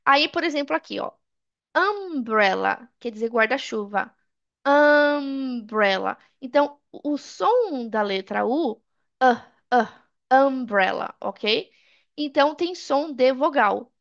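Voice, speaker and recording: A woman from Brazil teaching a basic English lesson in Portuguese, saying English examples slowly and checking in with the class often. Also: high voice, expressive, gravelly, dull audio. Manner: slow drilled English examples, frequent "tá?" checks.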